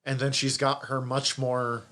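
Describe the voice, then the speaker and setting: A man's voice: mid-range voice, level tone, a little slow, sharp tone. A man co-hosting a podcast, chatting casually about a TV series, swearing freely and laughing often. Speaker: podcast co-host. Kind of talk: casual review chat.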